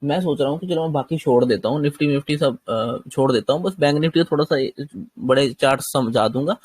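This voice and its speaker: A man's voice: mid-range voice, fairly quick, a little mellow, husky, no echo. A man with a slightly sore throat teaching a chart-based trading lesson, explaining step by step and often checking that listeners follow. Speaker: trading instructor.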